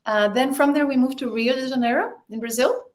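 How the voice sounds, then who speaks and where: This Spanish-born woman, whose first language is Spanish, is a podcast guest in a casual interview chat. Her voice sits high and brisk, and she laughs often and restarts her sentences.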